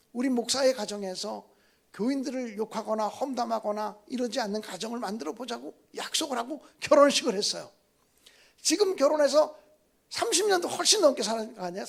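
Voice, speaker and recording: A man in his sixties preaching a storytelling sermon in a church, lively, asking the congregation questions. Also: very high-pitched, vocal fry. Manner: animated, asks the congregation questions, acts out quotes. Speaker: guest pastor. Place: church sanctuary.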